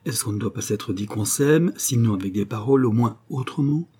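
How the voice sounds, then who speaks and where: A man's voice: medium pitch, a little fast, dark tone, breathy edge, natural voice. A man reading a storybook, voicing a passionate, headstrong young woman in love, pleading and exclamatory. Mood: indignant.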